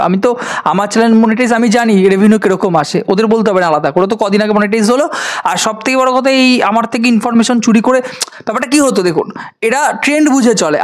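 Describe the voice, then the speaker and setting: A man, a film-review vlogger ranting sarcastically to camera and scolding his critics. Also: very high voice. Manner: sarcastic, scolding, addresses viewers directly. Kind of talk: ranting direct-to-camera vlog.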